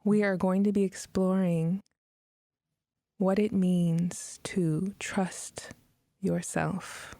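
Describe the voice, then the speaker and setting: Leaving long pauses between short phrases, a woman narrates a scripted guided meditation at a very slow pace. The recording is close and dry with no echo, capturing her mellow, slightly low voice and its soft breathy edges.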